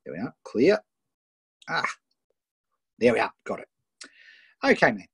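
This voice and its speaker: An Australian man hosting a live online coaching session, enthusiastic and firing off quick questions over a video call. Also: medium pitch, sing-song, gravelly, fairly bright tone, slightly rough, no echo. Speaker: host and coach.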